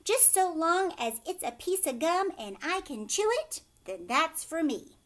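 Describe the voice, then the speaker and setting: A woman's voice: extremely high pitch, sing-song, measured pace, a bit bright, voice pushed up, exaggerated voice. A woman voicing a brash, headstrong gum-chewing young girl in a storybook, bold and demanding. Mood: eager, demanding.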